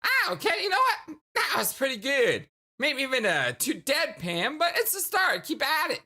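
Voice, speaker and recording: Woman as cocky, upbeat game kid, male; high, bright voice, animated and emphatic casual delivery. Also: moderate pace, full character voice. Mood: encouraging. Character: brash, upbeat young guy giving cocky friendship advice.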